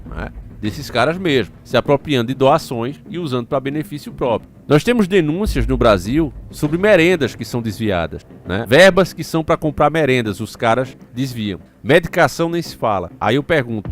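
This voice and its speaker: A man's voice: mid-range voice, slight background noise. A man hosting a channel, giving opinionated commentary on news stories, reading excerpts aloud and answering them with rhetorical questions. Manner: addresses listeners as "meus irmãos".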